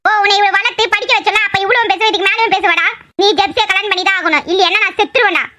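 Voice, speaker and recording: A stern cartoon mother who lays down the law in a very high, bright voice, as a woman puts her on. She scolds fast and hard, with emphatic threats, in an animated drama. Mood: scolding. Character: stern, domineering middle-aged mother. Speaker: voice actor.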